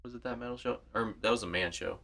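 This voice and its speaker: A man's voice: medium pitch, fast talker, creaky, bright, forceful tone. A young man hosting a podcast, rambling in laid-back casual chat full of fillers. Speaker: podcast host.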